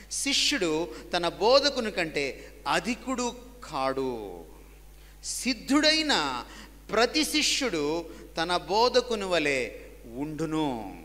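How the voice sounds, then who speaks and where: A man preaching a sermon, swinging between loud emphatic peaks and low quiet drops, and mixing English lines into his preaching. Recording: long hall reverb.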